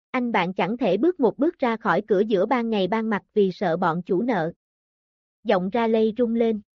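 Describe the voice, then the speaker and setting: A woman reading a novel aloud as an audiobook narrator, in steady scripted narration. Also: a little high, no echo. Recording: dull, dry lo-fi audio.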